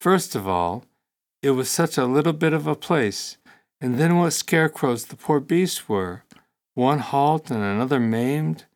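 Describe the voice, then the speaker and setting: An eager, proud boy prince from a storybook speaks up with earnest excitement , voiced lightly by a man reading aloud. The voice sits a touch higher than the narration, with a lively, rising lilt. It stays a plain reading voice with a mid pitch. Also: measured pace. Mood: enthusiastic.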